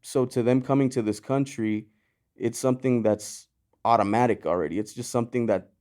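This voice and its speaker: A Mexican-born man, founder of a clothing brand, chats casually as a podcast guest in a medium-pitched, brisk, darkish voice. His talk is loose and rambling, packed with fillers like "you know" and "like," and he often restarts his sentences.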